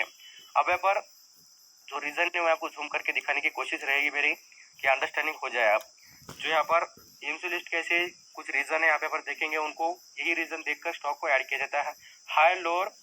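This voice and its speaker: A man's voice: fairly high pitch, sharp tone, a little hiss or hum, rough recording. A man teaching viewers about stock market risk in a conversational, repetitive lesson style. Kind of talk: explanatory screen-share lesson.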